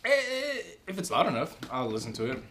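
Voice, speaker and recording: A man's voice: on the high side, wildly swooping pitch, fairly quick, sharp tone, a little hiss or hum. A man chatting casually among friends, rambling and joking with lots of filler words and swearing. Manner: rambling, heavy use of "like" and fillers; profane, joking. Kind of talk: casual chat.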